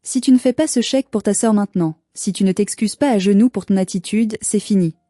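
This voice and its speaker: A woman's voice: medium pitch, brisk, mellow, no echo, clean studio sound, faint music behind, lightly acted. A woman voicing a cold, cruel, haughty middle-aged mother who speaks in icy, clipped, cutting phrases.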